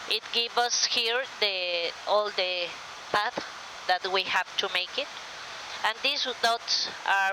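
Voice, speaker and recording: A woman's voice: medium pitch, background noise. A woman airline pilot with a Mexican accent, talking and explaining things informally in the cockpit during flight. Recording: clear aircraft cockpit drone.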